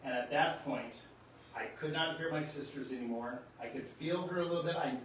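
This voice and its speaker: A man earnestly recounting a personal spiritual experience to the camera, in a halting way. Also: a little high, a bit bright. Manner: earnest, halting, reliving the moment. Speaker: spiritual storyteller. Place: room in his home near the kitchen. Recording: echoey room, distant mic, faint background hum.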